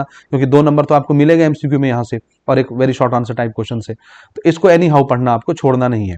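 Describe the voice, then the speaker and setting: With a mid-range, darkish voice on lo-fi audio, a man from Chhattisgarh, India, teaches exam-prep physics. He mixes Hindi with English terms, frequently checking "ठीक" ("okay?"), and reads English exam questions aloud slowly.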